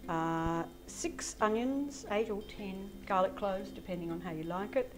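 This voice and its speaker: A woman in her sixties talks through a recipe in a relaxed, unhurried way, pausing often with ums. She is recorded indoors in a home kitchen on a lapel mic. A clearly audible music bed runs underneath her voice. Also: mid-range voice. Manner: relaxed, plain-spoken, frequent ums. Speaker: guest chutney maker. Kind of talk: casual cooking chat.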